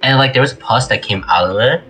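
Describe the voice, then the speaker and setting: A man's voice: mid-range voice, brisk, pushed and bright, soft background music, rough recording. A man of twenty, co-hosting a podcast, telling stories in loose, profane casual chat. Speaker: podcast co-host.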